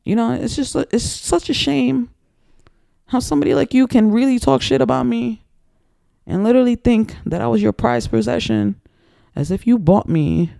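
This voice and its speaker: A man's voice: extremely high pitch, moderate pace, vocal fry, mellow, no room sound, clean studio sound. A man in an angry, profane, rambling personal rant to camera, repeating himself as he gets worked up. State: emotionally worked up.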